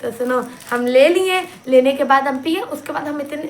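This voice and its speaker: A young woman telling the story of her school farewell in a casual chat, animated, laughing and acting out what people said. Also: high-pitched, normal speed, reverberant, heavy background noise. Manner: animated, acts out quotes, laughs often. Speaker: student recounting her farewell.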